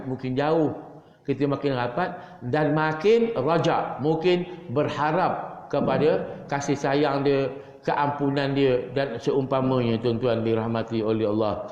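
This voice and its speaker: A man with a Malaysian Malay accent giving an evening lecture in a mosque. He keeps addressing the listeners directly, and his pitch swings up and down as he talks. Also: a little mellow. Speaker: religious teacher. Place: mosque hall. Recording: echoey mosque hall, dull lo-fi sound.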